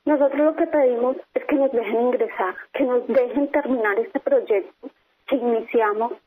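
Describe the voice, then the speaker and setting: A woman speaks firmly over a telephone line, pressing the same points again and again. Her voice sits a little high, and the sound is thin and tinny like a phone call. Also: moderate pace. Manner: firm, insistent, repeats her points. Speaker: company employee interviewed by phone. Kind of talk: phone interview.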